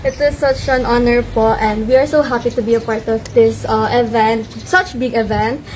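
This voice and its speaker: A woman's voice: on the high side, fairly even intonation, normal speed, darkish tone. Polite teenage Filipino woman, noisy. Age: late teens. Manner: polite, mixes in po. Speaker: event podium girl guest.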